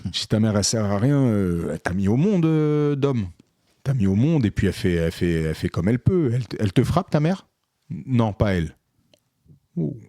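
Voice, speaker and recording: A man's voice: lowish voice, normal speed, no room sound, studio quality. A man telling a long story in casual podcast chat, acting out dialogue with lots of fillers. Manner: animated, re-enacts dialogue with many fillers. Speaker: podcast co-host, photographer.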